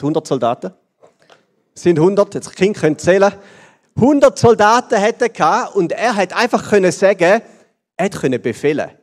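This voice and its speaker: Playful Swiss preacher with a high voice. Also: male voice. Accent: Swiss German. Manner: playful, animated, addresses the children directly. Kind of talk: children's sermon. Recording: long reverb of a large hall.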